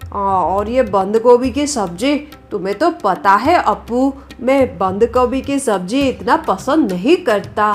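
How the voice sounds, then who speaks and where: A woman's voice: a little high, takes it slowly, hardly any pauses. A woman voicing a harried young husband stuck between quarrelling wife and mother in a cartoon story, exasperated and complaining. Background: background music.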